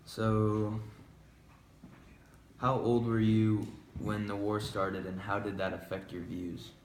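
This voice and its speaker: Roomy echo, young American man, slightly low voice, casual interviewer, tentative questions. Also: level tone, slow pace. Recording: echoey room, faint background noise.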